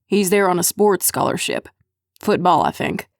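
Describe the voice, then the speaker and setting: A woman doing a wry gravelly police chief. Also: lowish voice, big pitch swings, moderate pace, no room sound, studio quality. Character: dry, teasing middle-aged male police chief. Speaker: audiobook narrator. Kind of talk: audiobook character voice.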